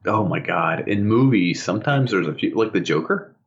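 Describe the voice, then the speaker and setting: Man, podcast co-host, casual chat, lively swooping voice, dull lo-fi sound. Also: moderate pace. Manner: animated storyteller, bursts into high laughing impressions.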